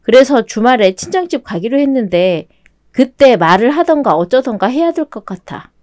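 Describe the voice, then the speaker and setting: A woman narrating a radio drama and voicing the daughter-in-law in a plain, restrained, low-key way. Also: very animated, moderate pace, a little mellow, no echo, studio quality. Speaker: narrator and lead character.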